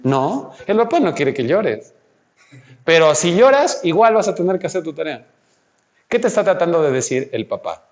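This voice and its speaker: Patient tutor questioning a student. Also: male voice, fairly high pitch, very animated, moderate pace, slight background noise. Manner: patient, coaxing, asks many questions, calls the student son. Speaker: math tutor. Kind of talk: teaching logic exercises one-on-one.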